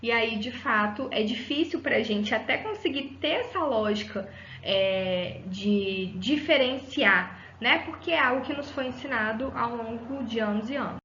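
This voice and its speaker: A woman's voice: on the high side, measured pace, a bit bright, a little hiss or hum. A woman gives an explanatory psychology lecture, teaching patiently and ending sentences with rhetorical tags. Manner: didactic, frequent rhetorical tag "né?" and fillers. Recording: roomy, slightly dull audio.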